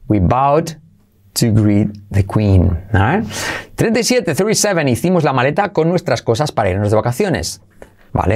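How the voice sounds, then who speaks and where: A man teaching English pronunciation. He explains quickly, then repeats the example phrases slowly and carefully. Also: medium pitch. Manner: switches between quick explanation and drawn-out demonstration. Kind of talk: pronunciation lesson.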